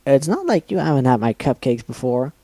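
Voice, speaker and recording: A man voicing a sadistic female cartoon pony who scolds her captive in a raised, shrill voice. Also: very animated, brisk, no room sound. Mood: pouting. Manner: shrill scolding, getting louder.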